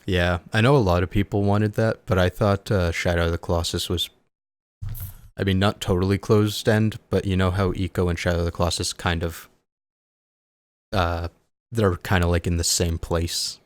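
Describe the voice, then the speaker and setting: A man co-hosting a casual podcast, chatting about video games and telling stories with lively acted-out quotes. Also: low-pitched, moderate pace, no echo. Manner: chatty, animated storyteller who acts out quotes. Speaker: podcast co-host.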